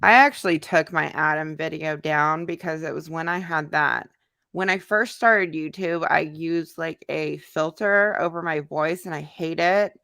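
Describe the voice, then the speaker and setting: Responding to viewers' comments, the American livestream host talks in a relaxed, fragmented way. The YouTuber's voice sits low and sounds creaky and sharp, her pace unhurried, with no echo on the recording.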